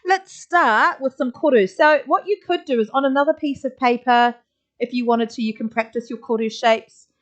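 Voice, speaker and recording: Here a high-pitched woman speaks at a moderate pace while teaching a live online drawing class. Chatty and encouraging, she makes small sound effects as her pencil moves, captured on slightly dull lo-fi audio.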